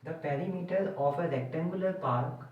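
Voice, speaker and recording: A male maths teacher, explaining word problems slowly and deliberately and reading phrases out word by word as he writes. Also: fairly high pitch. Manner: slow, deliberate, reads English phrases word by word while writing on a board. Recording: echoey distant classroom recording, dull and lo-fi.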